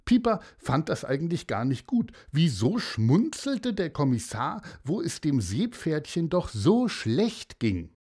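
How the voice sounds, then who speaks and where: A storyteller reading a children's story aloud with an expressive delivery. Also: medium pitch, a little slow, hardly any pauses, slightly rough.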